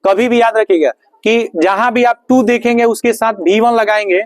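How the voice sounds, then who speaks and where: A man's voice: high-pitched, moderate pace, no echo, rough recording. Man, teacher, classroom grammar lesson, repetitive questioning. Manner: drills students with repeated questions. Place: classroom with students.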